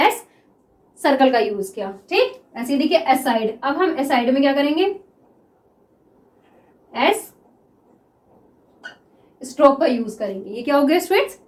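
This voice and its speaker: A woman teacher explaining shorthand examples step by step, saying words slowly as she writes them and often checking whether students follow. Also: high voice, roomy sound. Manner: repeats words slowly while writing, asks 'clear?' often. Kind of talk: classroom lesson explaining examples.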